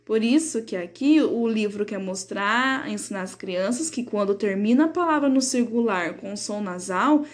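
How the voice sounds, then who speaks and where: A woman, teaching a third-grade class in a recorded remote lesson. She explains the textbook patiently and slows down to sound out example words. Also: mid-range voice, lively intonation.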